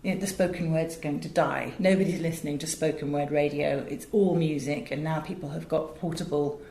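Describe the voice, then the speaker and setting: Fairly quick and creaky yet warm, her deep voice stays fairly even in intonation as the British guest, a middle-aged audio director and drama school teacher, relates lively, emphatic stories from her job. The recording has a roomy, echoing quality.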